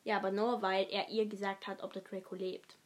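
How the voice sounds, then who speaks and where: A woman's voice: medium pitch, flat delivery, a little fast. A young woman co-hosting a casual chat with a friend, teasing and bossy, often laughing. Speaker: podcast co-host. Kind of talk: casual chat about a fantasy film series.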